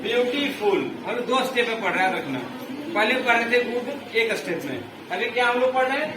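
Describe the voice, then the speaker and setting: Male teacher, slow drill-style delivery; heard far off in a noisy, echoey room. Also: very high voice, expressive. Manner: slow, drawn-out recitation with repeated drills. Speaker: English teacher. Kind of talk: classroom grammar lesson.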